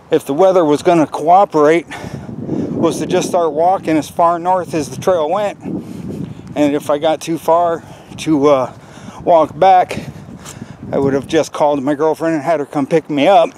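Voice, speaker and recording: A middle-aged American man chatting casually to viewers in an unhurried way while walking outdoors, recorded on a built-in microphone with wind noise. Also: fairly high pitch, steady tone, darkish tone, rough recording. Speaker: hiking vlogger. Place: outdoors in a windy wooded park. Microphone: camera's built-in microphone while walking. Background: wind, faint outdoor noise.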